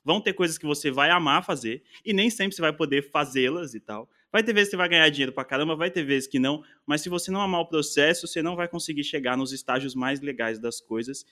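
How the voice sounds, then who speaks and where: A man's voice: on the high side, fast, hardly any pauses, sharp tone. A man in casual conversation, talking reflectively and rambling with lots of slang fillers. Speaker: musician and podcast guest.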